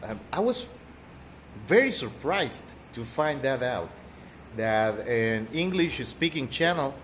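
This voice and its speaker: The audio is poor, with slight background noise, as a Mexican man streams a game and rambles casually with fillers and an occasional cough. His medium-pitched voice is sing-song and unhurried, carrying a thick Mexican Spanish accent from his native tongue.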